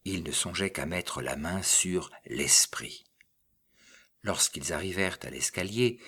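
A man narrating a story aloud in a measured, expressive reading. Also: deep voice, breathy edge. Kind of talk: audiobook reading.

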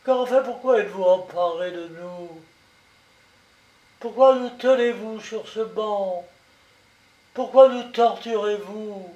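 A man's voice: high-pitched, slow pace, long pauses, darkish tone. A man reading aloud voices an indignant male prisoner protesting his treatment. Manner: protesting, exasperated. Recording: roomy, distant, dull sound.

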